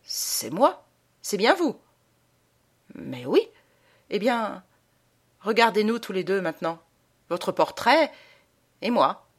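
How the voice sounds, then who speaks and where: A woman's voice: mid-range voice, big pitch swings, takes it slowly, long pauses, breathy edge, full character voice. A woman reading aloud and voicing a sneering, menacing young male vagabond who laughs at the priest. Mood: insistent. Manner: mocking, jeering, laughing.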